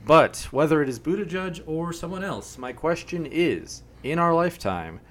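A man hosting a casual chat podcast, introducing segments and asking questions in an upbeat, brisk way. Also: a little high, animated. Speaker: podcast host.

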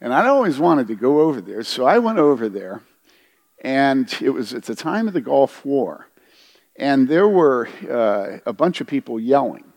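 A man's voice: very animated, moderate pace, darkish tone. A middle-aged pastor from the United States telling a story in a conversational sermon, questioning his listeners and acting out the quoted voices. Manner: conversational, asks the congregation questions; acts out quoted voices with big pitch jumps.

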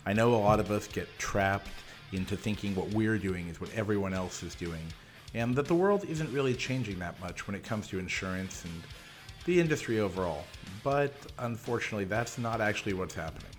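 A man hosting a solo explanatory podcast, talking in a measured, instructive way. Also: on the low side, lively intonation, soft background music. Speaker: podcast host.

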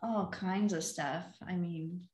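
A woman with a fairly low voice chats as a podcast guest. She tells stories in an easy, amused way, and her voice rings around an echoey room. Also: steady tone, slow pace, darkish tone. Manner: chatty, storytelling, easily amused. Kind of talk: casual chat.

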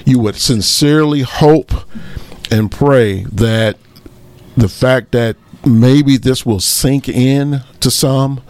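A man co-hosting a radio show, talking casually about politics in a halting way that repeats phrases. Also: mid-range voice, a little mellow, no echo.

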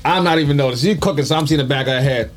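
Male podcast co-host, casual storyteller, slightly higher voice, faint music under the talk. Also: racing. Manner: loose anecdotal storytelling with profanity and slang.

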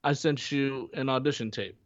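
A man co-hosts a podcast from his home in Florida, chatting casually and rambling with many restarts and fillers. His voice is medium-pitched at a moderate pace, in a muffled recording without echo.

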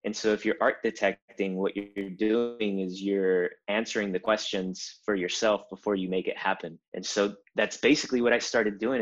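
In a relaxed, casual interview, a Cuban-born man in his thirties with a very deep voice tells his story as a guest. He speaks earnestly and often restarts phrases while building his points. The audio sounds a little dull and lo-fi.

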